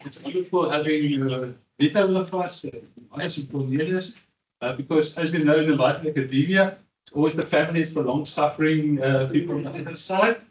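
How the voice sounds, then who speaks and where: Halting man in an echoey hall. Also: fairly high pitch, dull audio. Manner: hesitant, repeats words, joking. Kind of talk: ceremonial welcome speech. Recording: echoey hall, mic far off.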